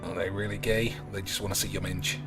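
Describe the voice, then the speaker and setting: A man streaming a game, making crude jokes and thinking out loud as he plays. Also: low-pitched, flat delivery, fast talker, vocal fry, faint music behind. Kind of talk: casual gameplay commentary.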